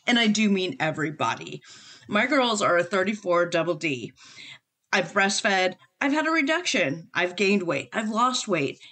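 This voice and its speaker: A woman's voice: medium pitch, sing-song, moderate pace, fairly bright tone. A woman co-hosting a podcast, reading a sponsor ad in an enthusiastic, confiding way. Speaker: podcast co-host. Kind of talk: read podcast ad.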